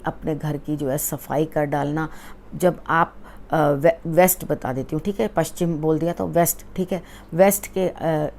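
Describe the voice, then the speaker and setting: A woman tarot reader giving a weekly forecast, speaking earnestly to the viewer and often checking in with a quick "okay" as she advises. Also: low-pitched, a little mellow, a little hiss or hum. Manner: mixes English words into Hindi.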